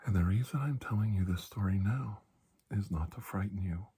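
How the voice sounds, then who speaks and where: Speaking in a soft, breathy, husky voice on the low side, often close to a whisper, a man takes the role of a calm, reassuring doctor caring for a patient. This ASMR roleplay unfolds as hushed storytelling, solemn in mood, delivered in a measured, halting way.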